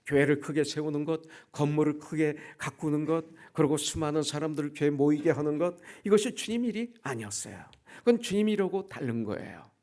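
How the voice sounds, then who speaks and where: Korean pastor telling a personal testimony. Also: male voice, fairly quick, hardly any pauses, a little mellow. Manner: storytelling testimony, acting out quoted dialogue with shifts in pitch and volume. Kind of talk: sermon. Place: church sanctuary.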